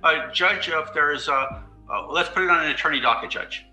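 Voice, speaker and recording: Very bright, sharp-voiced male attorney. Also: a little high, expressive, fairly quick, faint music behind. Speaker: defense attorney. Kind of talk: formal remote court talk. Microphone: video call. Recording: roomy, echoing video call.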